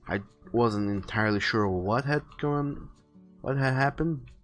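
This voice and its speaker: Unhurried and mid-range, the man's voice carries an earnest, conversational tone as he hosts a relaxed art livestream. Between giving advice, he reads viewers' messages aloud while soft background music plays.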